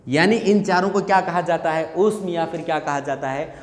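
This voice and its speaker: This Hindi grammar lesson for exam preparation is led by a man who asks questions and then supplies the answers. He speaks at a moderate pace in a voice on the high side, recorded in an echoey space with long reverb.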